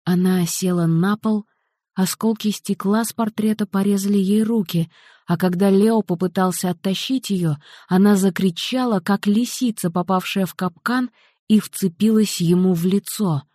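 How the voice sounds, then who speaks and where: A woman narrates an audiobook at a middle pitch, steady and measured. The recording is close and dry. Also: dry recording.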